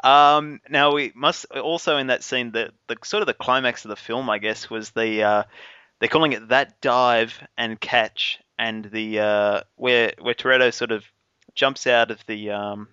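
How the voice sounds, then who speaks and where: Bloke with a bright mid voice, laid back, lotsa ums, dry muffled recording. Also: male voice, mid-range voice, measured pace, clean tone, no room sound. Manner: relaxed, asks questions, filler-heavy. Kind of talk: casual film discussion.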